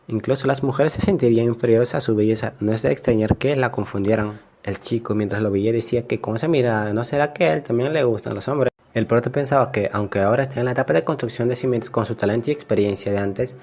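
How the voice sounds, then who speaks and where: A man narrating a manga story recap, reading each character's lines in the same even voice. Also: mid-range voice, fast.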